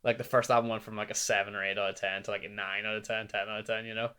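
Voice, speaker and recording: A young man with a Northern Irish accent, chatting casually about albums he has listened to, rambling and animated with lots of fillers. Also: fairly low pitch, racing, clear, resonant tone. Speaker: music reviewer. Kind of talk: casual chat.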